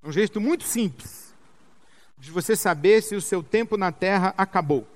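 A man's voice: high-pitched, moderate pace. A man with a Brazilian Portuguese accent preaching a sermon, emphatic and repetitive, with rhetorical questions.

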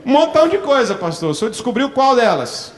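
A man's voice: extremely high pitch, sing-song, brisk, long reverb tail, pitched above the performer's own voice. A man with a Brazilian accent playing a brazen, cocky churchgoer who answers a pastor back. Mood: cheeky. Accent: Brazilian Portuguese. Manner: brash, cocky. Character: cheeky brazen male churchgoer.

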